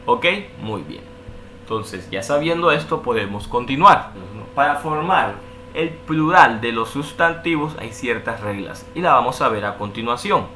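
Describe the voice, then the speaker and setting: Slow-paced, bright-voiced male teacher. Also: medium pitch, lively intonation, soft background music. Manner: patient, checks in often with a questioning "ok". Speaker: English teacher. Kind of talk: online language lesson.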